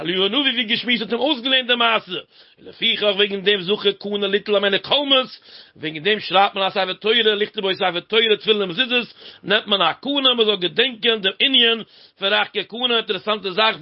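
A man with a high voice delivers a religious storytelling lecture, circling back to repeat key words and phrases. The recording is dull and lo-fi. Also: normal speed.

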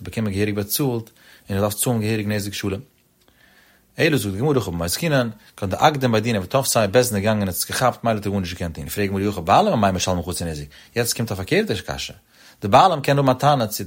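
A man teaching a traditional text study lecture in a rapid, sing-song cadence with sudden rises. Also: fairly low pitch, breathy edge.

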